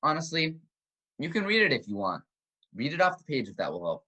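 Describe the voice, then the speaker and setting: Man as an anxious casting director, pleading, bright, lively pitch. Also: a little fast, heavily acted. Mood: patient. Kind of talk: online amateur comedy sketch. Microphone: video call.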